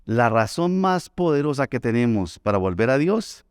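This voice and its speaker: A man preaching a sermon as pastor, swinging between loud pleading and soft low tones. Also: very animated, moderate pace, clean tone, no echo, studio quality. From Colombia.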